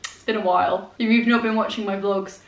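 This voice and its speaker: Filmed on a handheld compact camera from some distance, a woman in her twenties vlogs from a sparsely furnished room at home while congested with a head cold. She talks fairly quickly in a steady, mid-range voice, rambling with fillers and little laughs. The audio has a roomy echo, and she is a bit off-mic.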